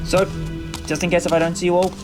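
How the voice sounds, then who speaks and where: A man's voice: high voice, little pitch movement, fast, lightly acted. A man playing a heroic, commanding time traveller in a fan sci-fi audio drama, with a theatrical delivery. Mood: earnest, explaining. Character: heroic, indignant time-travelling alien adventurer, male. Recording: music behind the voice.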